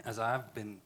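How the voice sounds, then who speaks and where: A man with an Icelandic accent gives a conference talk in English, speaking haltingly, restarting phrases and correcting himself often. His voice is fairly low in pitch with a fairly bright tone, over slight background noise.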